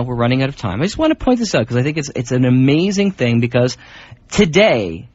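A man co-hosting community radio trades rambling, jokey, unscripted banter. His voice is medium-pitched with a breathy edge, and the radio recording sounds dull and lo-fi.

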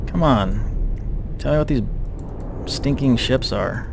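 A man's voice: medium pitch, slow, gravelly, background noise. A man giving casual gameplay commentary, thinking aloud and muttering to himself as he plays. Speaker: gamer commentating his own submarine game. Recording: steady engine-like game ambience behind voice. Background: submarine game sound effects and ambience.

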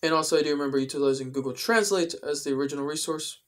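A young adult man, a video creator, explains things in a casual vlog style with careful, halting phrasing. His voice is a little high. He records indoors in a small room at home.

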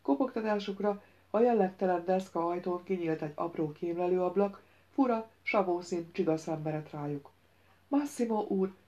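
A woman reads an audiobook in steady, scripted narration. Her voice is a little low. The recording sounds slightly dull and muffled.

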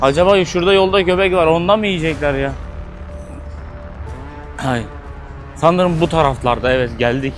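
Şaşkın, küfürlü konuşan sokak vlogcusu erkek. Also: male voice, a little high, normal speed, pauses often, faint music behind. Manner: shocked, swears and exclaims, talks to viewers. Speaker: travel vlogger. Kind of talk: handheld street vlog. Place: busy street outdoors. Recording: faint street noise behind.

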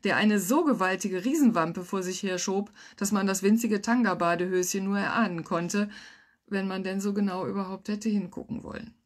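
A woman author reading her own crime novel aloud in a wry, lively first-person voice. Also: medium pitch, normal speed.

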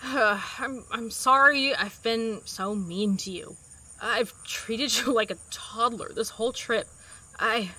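A woman's voice: a little high, takes it slowly, bright, forceful tone, slightly rough, full character voice, rough recording. A woman voicing a fierce, blunt companion in an audio drama, swearing and teasing, scared of losing a partner. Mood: soft, tender. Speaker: voice actor.

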